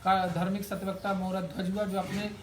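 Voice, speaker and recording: Hurried priest reciting in an echoey room. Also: male voice, high-pitched, over music. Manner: hurried, even reading with small slips and restarts. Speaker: priest leading a home worship ritual. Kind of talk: religious story recitation and chanted divine names. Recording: echoey room, faint background noise.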